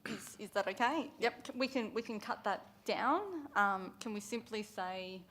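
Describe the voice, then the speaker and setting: An Australian woman councillor, mid-pitched, dictates motion wording slowly and spells out words letter by letter for whoever is typing. Her delivery is deliberate and formal. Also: a bit bright. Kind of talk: formal council meeting talk.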